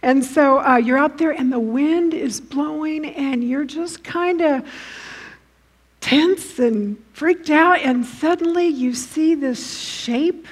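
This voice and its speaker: A woman with a high voice preaches a sermon slowly and vividly, inviting listeners to picture the scenes she describes and often putting direct questions to them.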